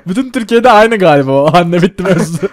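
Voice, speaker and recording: A young man commentating a team game with a friend, excitable, laughing and swearing often. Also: high voice, fast talker, dry recording. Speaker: gaming channel host. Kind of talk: casual gameplay commentary.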